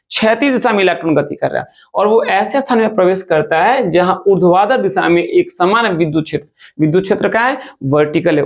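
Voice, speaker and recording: A male physics teacher races through exam questions in a quick, chatty way. His voice sits high and gravelly. The recording sounds dull and lo-fi. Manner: fast, chatty, addresses students informally as "bachcha". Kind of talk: objective-question exam lesson.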